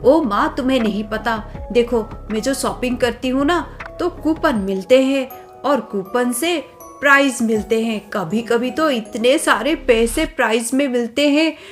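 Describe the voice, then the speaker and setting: A woman's voice: a little high, unhurried, faint music behind, close to an everyday voice. A woman voicing a spoiled, scheming young wife who sweet-talks and boasts, in a cartoon story. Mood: boastful. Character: scheming spoiled young wife, sticky-fingered sister-in-law.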